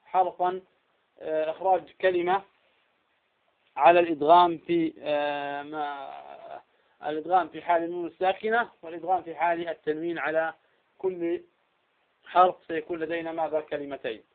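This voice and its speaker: Guy with a high voice teaching recitation rules, repeats examples slow, sounds like a phone line. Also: steady tone. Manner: repeats each example slowly, asks rhetorical questions. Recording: tinny phone-like audio.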